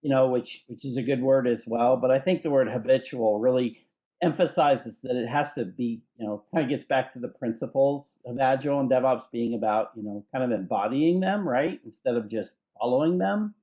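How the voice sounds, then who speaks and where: A male host with a mid-range voice in a relaxed discussion. He affirms his guest with enthusiasm before sharing his own view. The sound is slightly dull and lo-fi. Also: medium pitch, fairly quick. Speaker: company CEO and host. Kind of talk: conversational discussion.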